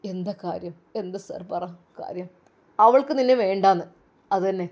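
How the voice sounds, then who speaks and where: Give me a woman putting on a low, brusque man comforting his friend. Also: moderate pace, darkish tone, close to an everyday voice. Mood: consoling. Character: older man, consoling, firm friend.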